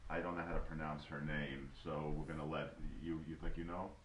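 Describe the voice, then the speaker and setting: A man's voice: rumbling low, flat delivery, brisk. A man hosting a talk show, chatting casually with stumbling restarts. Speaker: radio show host. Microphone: GoPro camera. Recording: echoey room from far off, dull sound.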